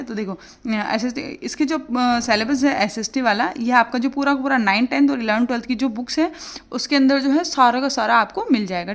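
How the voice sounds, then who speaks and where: Woman tutor, fairly high voice, rapid chatty delivery. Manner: chatty, explains casually with many fillers. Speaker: exam prep tutor. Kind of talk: casual study advice for exam aspirants.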